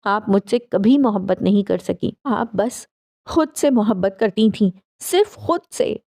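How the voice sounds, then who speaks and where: A woman voicing an enraged young woman who shouts and bites out her words at her mother. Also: mid-range voice, expressive, no echo, studio quality. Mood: furious. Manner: shouting, then cold and biting.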